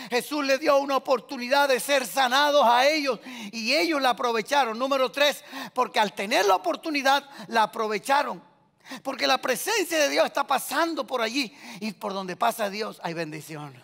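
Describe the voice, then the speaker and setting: A man preaching a sermon with a Colombian Spanish accent, calling on the congregation to answer and swinging between loud cries and quiet lines. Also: very high voice, vocal fry. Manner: preaching with call-and-response to the congregation. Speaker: pastor. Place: large church hall. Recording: long hall reverb.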